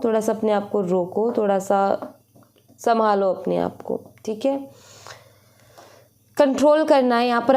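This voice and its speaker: A woman's voice: on the high side, mellow. A young woman reading tarot cards for her viewers in casual, instructive talk, often repeating her points and mixing English words into her Hindi. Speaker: tarot reader.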